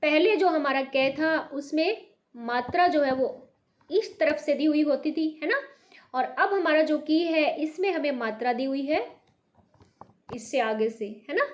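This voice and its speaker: A high-pitched woman gives a beginner Hindi lesson at an unhurried, deliberate pace. She is from North India and patiently repeats each word, stressing the sounds so learners can follow. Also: animated. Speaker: Hindi teacher. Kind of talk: slow beginner language lesson.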